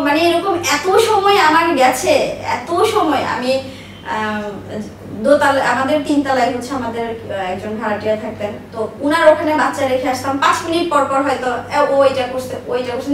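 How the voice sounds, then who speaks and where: Picked up by a distant mic in an echoey room with faint noise, a high-pitched woman speaks fairly quickly. In her thirties, she owns a business and, as an interview guest, tells stories from her personal life, pressing points emphatically and repeating them.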